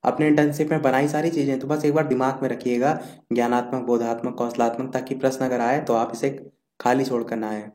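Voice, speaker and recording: A man's voice: medium pitch, flat delivery, brisk, darkish tone. A man teaching an exam revision lesson, steadily listing and explaining points one after another while scrolling through notes. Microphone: screen-recorded voice-over. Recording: echoey room.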